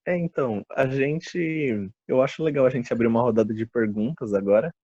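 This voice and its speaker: A Brazilian man hosting and moderating an online Q&A, relaxed and practical. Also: medium pitch, moderate pace, dry recording. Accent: Brazilian Portuguese. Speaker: talk host and moderator. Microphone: video call. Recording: lo-fi video call with clear background noise.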